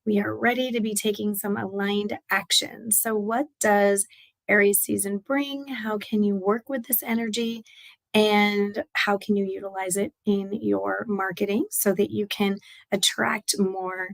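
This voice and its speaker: A woman with a raspy voice, recovering from laryngitis, hosting an upbeat, chatty solo talk as an astrology business coach. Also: mid-range voice, fairly even intonation, unhurried. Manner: upbeat, chatty, with fillers and restarts. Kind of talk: casual solo talk to camera.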